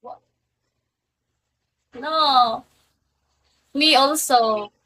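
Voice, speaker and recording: A woman's voice: high voice, drawn-out words, fairly bright tone, slight background noise, rough recording. Giggly young woman live-streaming. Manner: giggly, mixes English and Filipino. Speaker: livestream host. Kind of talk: casual live-stream chat.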